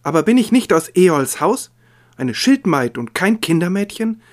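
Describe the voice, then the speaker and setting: A man reading aloud as a proud, defiant young noblewoman, his voice rising in pitch and force. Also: animated, normal speed, darkish tone, natural voice. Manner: impassioned, raised pitch and volume.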